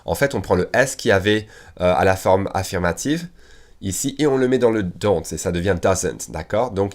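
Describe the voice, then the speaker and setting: In an online language lesson, a low-voiced man teaches English to French speakers. His English carries an American accent, and he slows way down for the English examples but speeds up when explaining in French.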